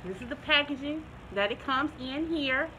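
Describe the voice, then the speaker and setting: A middle-aged woman reviewing a product in a casual vlog, talking through a face mask, chatty and relaxed with many ums and restarts. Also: high-pitched, normal speed, background noise.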